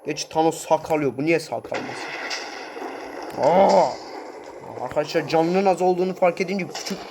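A man giving casual, excitable gameplay commentary, swearing often and talking straight to his viewers. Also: high voice, noisy background.

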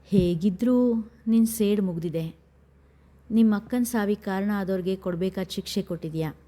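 A woman's voice: mid-range voice, moderate pace, warm tone, close to an everyday voice. A woman voicing a scheming, menacing older brother who speaks in a heavy, brooding way.

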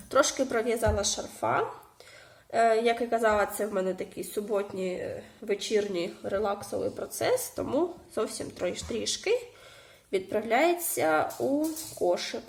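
A woman with a slightly higher, gravelly voice, a little hoarse from a cold. She chats casually about her knitting, with frequent fillers and self-corrections, as a mother at home filming a vlog. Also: a little mellow. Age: young adult to middle-aged, a mother. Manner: chatty, many small fillers and restarts. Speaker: knitting vlogger.

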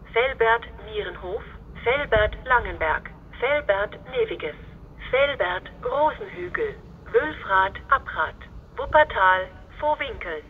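A tinny, phone-like recording with clear noise carries a woman's flat platform announcement. She speaks slowly and formally, setting out each phrase evenly as a station announcer. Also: medium pitch. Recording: tinny phone-like band, hissy background noise.

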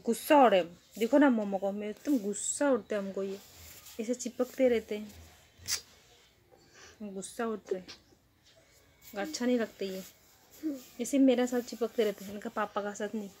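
A woman's voice: medium pitch, normal speed, pauses often, dark tone, slight background noise. A woman talking casually at home in a vlog, playful and teasing with her child. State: sweaty after play-fighting. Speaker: vlogger and mother. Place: home room with a fan and TV.

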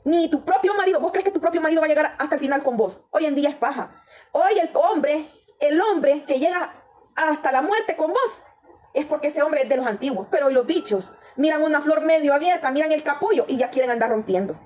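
A woman's voice: high-pitched, expressive, brisk, a little mellow. A woman with a Salvadoran accent ranting bluntly and with lots of swearing in a livestream gossip commentary, talking straight to her viewers. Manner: addresses viewers directly with tag questions. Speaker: TikTok livestreamer.

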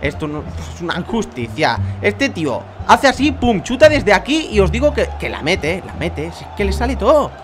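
Excitable Spanish man yelling over gameplay. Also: high voice, moderate pace, hardly any pauses. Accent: Spain. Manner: swings between frustrated shouting and muttering, swears a lot. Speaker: gaming youtuber. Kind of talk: live gameplay commentary. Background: game music.

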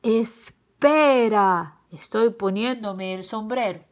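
A woman voicing a greedy, threatening male wolf in a children's story, drawing out his words slowly and loudly. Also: mid-range voice, natural voice. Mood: calling from inside. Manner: slow, drawn-out and loud.

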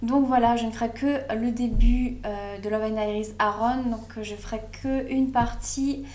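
A woman, a gaming YouTuber, chatting excitedly through a let's play with many fillers. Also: on the high side, measured pace. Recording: echoey room with music.

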